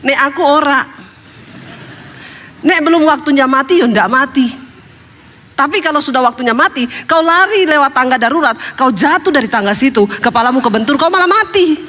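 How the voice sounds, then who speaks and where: A woman's voice: high-pitched, expressive, moderate pace, a bit bright, a little hiss or hum. A woman doing a fretful grumbling husband. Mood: fretting.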